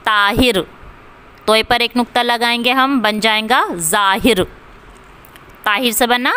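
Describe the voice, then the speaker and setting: A woman teacher talks very slowly and deliberately, spelling each word out sound by sound and then saying it again for the class to repeat. Her voice is bright and crisp, pitched a little high, with clean, clear diction. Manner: spells out words letter by letter and repeats them for pupils. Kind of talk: slow classroom reading lesson.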